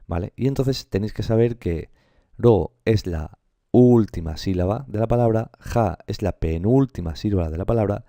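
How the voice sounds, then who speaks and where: A man's voice: fairly low pitch, moderate pace, gravelly, dark tone, no echo, clean studio sound. A man teaching a language class, explaining step by step and stretching out example words to show the stressed syllable. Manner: patient, explains step by step with frequent "¿vale?".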